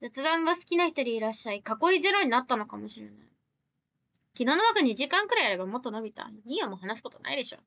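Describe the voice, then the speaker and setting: A woman with a high, bouncy voice that swings widely in pitch, chatting on a live stream. She reads viewer comments and answers them with blunt, teasing comebacks. The sound is dry and a little dull, like a small home mic. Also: very animated, bright, forceful tone, dry recording. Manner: blunt, teasing retorts mixed with quick questions.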